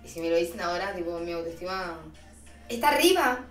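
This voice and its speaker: A woman's voice: fairly low pitch, lively intonation, a little fast. A woman with an Argentine accent telling stories to her stream chat in a slangy, chatty way, laughing at herself. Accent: Argentine Spanish. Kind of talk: casual storytelling to stream chat. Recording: roomy, distant mic, faint music.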